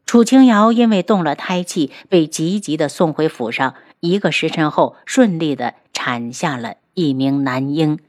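A woman narrating a martial-arts web novel in a steady, unhurried storytelling manner. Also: deep voice, no echo, studio quality. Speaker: audiobook narrator.

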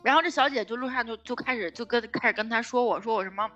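Fast-talking woman co-host with a high, bright voice, blunt and animated. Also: faint music behind. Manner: animated storytelling, blunt and swearing. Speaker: podcast co-host. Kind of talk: casual chat.

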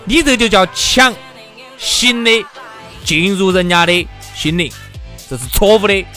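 A man's voice: high-pitched, lively intonation, unhurried. A man with a Sichuanese accent co-hosting a radio talk show, joking in casual banter and repeating phrases for effect. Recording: music bed behind the voice.

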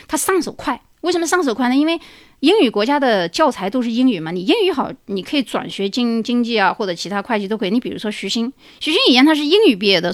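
A woman's voice: a little high, no echo, clean studio sound. A woman hosting a talk show, explaining things at length through many examples and often dropping in a filler "ah". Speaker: podcast host.

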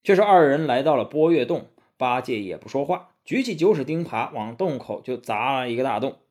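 A man narrates a classic tale as a children's storybook. His voice is husky and animated, rising and falling expressively. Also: mid-range voice, brisk.

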